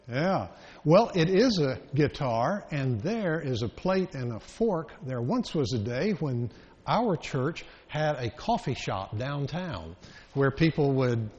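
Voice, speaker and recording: A Southern US man talks to children in an informal church sermon, in a slightly high voice. He is encouraging and keeps things simple and repetitive. The sound is a bit muffled, with long hall reverb. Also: darkish tone. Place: church interior, moving around.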